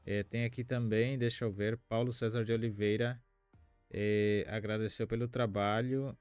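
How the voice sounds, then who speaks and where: A man's voice: lowish voice, little pitch movement, moderate pace, darkish tone, clean tone, no echo, faint music behind. A man from Paraguay, whose first language is Spanish, teaching a Guarani lesson on a live stream in a chatty way, reading out viewer comments and thinking aloud with many fillers.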